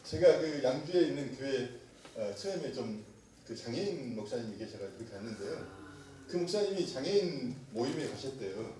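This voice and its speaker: A middle-aged man, a pastor and missionary, preaching a lively sermon, joking and quizzing the congregation with call-and-response questions. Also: mid-range voice, moderate pace, slight background noise. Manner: animated, joking, quizzes the congregation, laughs often. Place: church sanctuary. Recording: echoey room, mic at a distance.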